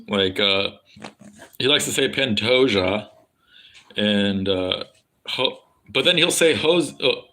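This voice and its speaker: A fairly low-pitched man's voice, pushed and bright, belongs to a standard-American speaker talking loosely with his stream viewers. He rambles, swears often and fills the gaps with filler words.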